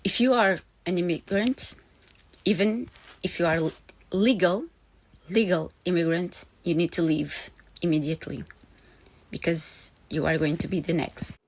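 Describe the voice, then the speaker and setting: A woman from Portugal, a lawyer speaking to camera in an earnest, halting way. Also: lowish voice, slight background noise, poor audio. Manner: earnest, halting, with frequent pauses. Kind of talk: direct-to-camera warning video.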